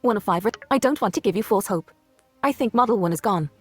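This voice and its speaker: A woman's voice: mid-range voice, animated, fast talker, husky, dry recording, soft background music. A woman voicing an earnest young male hero in a text game, reading in a plain way.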